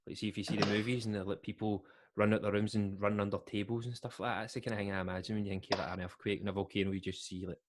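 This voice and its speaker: A Scottish man hosting a casual podcast, chatty and full of quick interjections. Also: on the low side, level tone, noisy background. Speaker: podcast host.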